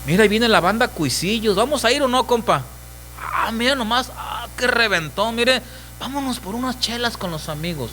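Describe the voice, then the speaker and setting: A man voicing a carefree young man eager to go partying, speaking with a Mexican accent in an excited, slangy way. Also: very high-pitched, normal speed, faint music behind, pitched above the performer's own voice, exaggerated voice. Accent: Mexican Spanish.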